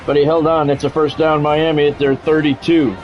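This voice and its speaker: The recording is muffled and carries slight hiss or hum. In it, a middle-aged or older man with a slightly high voice speaks fairly quickly, announcing a football video game live in short, clipped phrases with excited calls on big plays.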